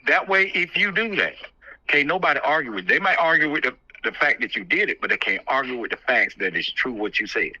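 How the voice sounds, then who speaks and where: This man speaks in a brisk, expressive mid-range voice with a sharp tone and a breathy edge, and there's no echo. He's handing out candid, emphatic advice on the phone, driving his point home through repetition. The call sounds muffled and band-limited.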